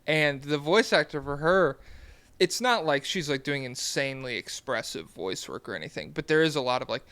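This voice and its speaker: A man co-hosting a podcast in loose, casual chat. His voice sits a little high and leaps around in pitch. The sound is dry and close. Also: moderate pace, clean tone, no room sound. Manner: animated, laughs often, swears casually. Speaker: podcast co-host.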